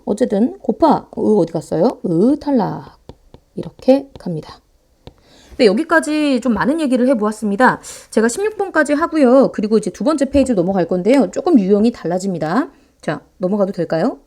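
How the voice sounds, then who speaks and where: A woman teaching a grammar lecture online in a playful, animated way, talking fast and sometimes acting out students' voices. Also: mid-range voice. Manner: talks fast to save time.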